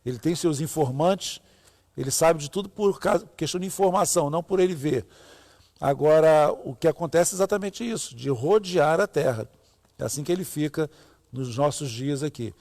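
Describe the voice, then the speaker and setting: Creaky-voiced Brazilian man, reverberant sound. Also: fairly high pitch, moderate pace, darkish tone. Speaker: pastor, co-host. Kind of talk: informal Bible reading and commentary. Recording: long hall-like reverb.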